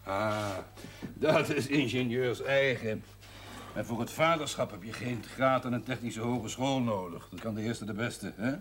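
In a 1970s Dutch TV drama, a male actor with a medium-pitched, slightly bright and natural voice plays a blunt, outspoken village doctor who lectures his patients. He speaks a little slowly with a hard northern G, and the old soundtrack carries a faint hiss.

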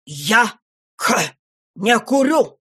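A woman voicing a proud, irritable older gentleman who speaks stiffly and keeps clearing his throat in a storybook reading. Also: low voice, expressive, slow pace, exaggerated voice. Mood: furious.

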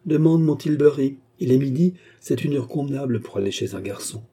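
A man voicing a resolute young nobleman, urgent and suspicious, in an audiobook reading with a dark, husky voice. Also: mid-range voice, lively intonation, fairly quick. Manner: urgent, emphatic. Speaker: character in a read novel.

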